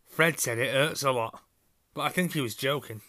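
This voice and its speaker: A man's voice: medium pitch, moderate pace, sharp tone, no room sound, clean studio sound, pitched above the performer's own voice, natural voice. A man voicing an eleven-year-old boy speaking in an offhand, unsure way.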